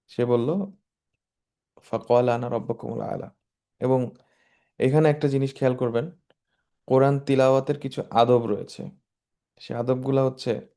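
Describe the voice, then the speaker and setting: A man's voice: mid-range voice, warm tone. A man teaching Quranic Arabic grammar, explaining each word in turn and mixing English terms into his talk. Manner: slow, measured recitation of verses.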